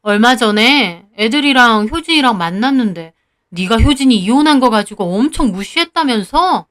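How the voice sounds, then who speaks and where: A woman voicing a female classmate who calls up to reproach her, slow and cold. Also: a little high, lively intonation, fairly bright tone. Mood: accusing. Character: accusing female classmate on the phone.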